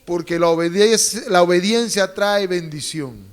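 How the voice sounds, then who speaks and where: High-voiced man preaching a sermon. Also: normal speed. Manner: fervent preaching, urging the congregation to repeat phrases; joking asides to the audience. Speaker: pastor. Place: church.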